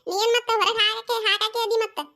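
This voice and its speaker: A performer voicing a cheeky, sharp-tongued young village woman in a cartoon comedy, talking with a North Karnataka accent in a rapid, teasing, quarrelsome way. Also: extremely high pitch, fairly even intonation, exaggerated voice. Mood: teasing, squabbling. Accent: North Karnataka Kannada.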